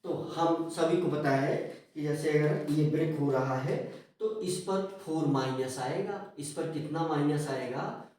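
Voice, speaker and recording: A male chemistry teacher giving a classroom lecture. He repeats key terms, asks his students questions and answers them himself, often checking in with a quick tag question. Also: a little high, a little mellow. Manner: slow, repetitive, asks questions then answers them, frequent "है ना?"; addresses students as children. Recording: echoey room, voice from a distance.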